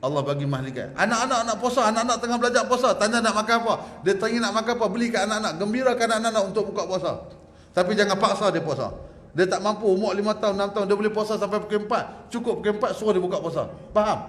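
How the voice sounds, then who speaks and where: A man preaching a religious lecture in a mosque prayer hall. He is lively and joking, often asks the audience to agree with him, and ends with a prayer. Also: high-pitched, very fast. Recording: echoey hall with faint background hum.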